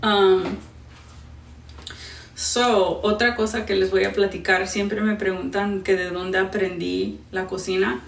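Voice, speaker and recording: A woman's voice: mid-range voice, steady tone, unhurried, creaky, far from the mic, slight background noise. A young woman from the Midwest chatting live with viewers, switching between English and Spanish mid-sentence. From Indiana, US Midwest. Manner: chatty, answers viewer questions. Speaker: TikTok live streamer. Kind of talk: casual live-stream chat. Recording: roomy sound from off-mic.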